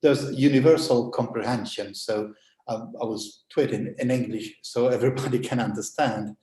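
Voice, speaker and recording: An Italian man whose native language is Italian gives a hesitant conference talk on an online panel, full of fillers and restarts. His medium-pitched, dark voice is steady in tone, moves at normal speed, and sounds reverberant.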